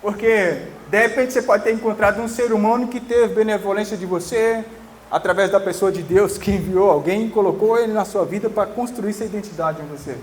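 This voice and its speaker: Man in his thirties, pastor, sermon, higher voice, earnest and emphatic, faint hum behind. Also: brisk. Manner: earnest, emphatic preaching with soft tender asides.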